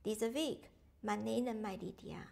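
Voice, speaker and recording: A woman's voice: medium pitch, a little slow, gravelly, mellow. A middle-aged woman explaining in broken, non-native German in an interview at home. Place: home study with bookshelves.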